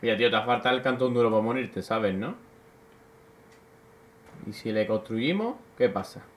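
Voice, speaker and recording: A young man from Spain, commentating his own gameplay in an excitable way, swearing often and bursting into loud shouts. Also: fairly low pitch, normal speed, a little hiss or hum. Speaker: gaming youtuber.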